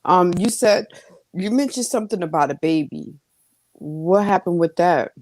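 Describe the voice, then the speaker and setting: Low-voiced woman podcast host. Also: expressive, moderate pace, a little mellow, no echo. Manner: supportive, asks probing follow-up questions. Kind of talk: interviewing, sharing own experience.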